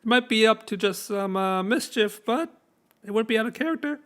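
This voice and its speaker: A man's voice: high voice, a little fast, a bit bright, voice pushed up. A man voicing an eager, officious, odd little guard captain in a tabletop game, earnest and overexcited. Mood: earnest, concerned. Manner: overexcited, self-announcing, earnest.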